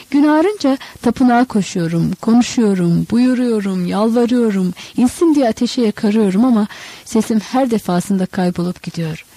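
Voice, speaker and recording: A woman's voice: mid-range voice, dark tone, slightly rough, dry recording, low-quality recording. A woman voicing an earnest, sleepless wandering teacher in a storybook reading. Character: weary, intense wandering teacher, man.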